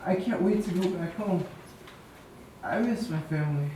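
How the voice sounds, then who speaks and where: A man playing a dying young wounded soldier in a stage play, homesick and humble, speaking weakly in halting gasps. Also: high voice, warm tone, a little hiss or hum, close to an everyday voice. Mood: weak, lonely. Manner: weak, halting gasping delivery with coughs. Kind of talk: stage musical play dialogue. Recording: echoey stage, distant mic, faint music.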